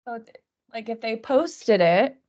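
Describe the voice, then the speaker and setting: A woman's voice: on the high side, lively intonation, measured pace, a little mellow. A woman chatting casually at a city committee meeting, presenting a resource list in a chatty, self-deprecating way. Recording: dull lo-fi meeting recording.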